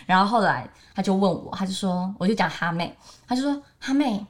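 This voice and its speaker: A young woman in her twenties with a Taiwanese Mandarin accent tells a story in relaxed podcast chat. She often slips into brighter voices to quote her friends, and her own pitch sits in the middle range. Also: fairly quick. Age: 20s. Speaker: podcast co-host.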